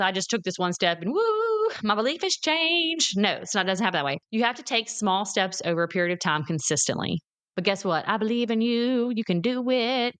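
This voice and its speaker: Encouraging woman podcast host, smooth voice. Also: mid-range voice, a bit bright. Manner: encouraging, emphatic, addresses listeners as "guys" and "y'all". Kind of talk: solo motivational podcast talk.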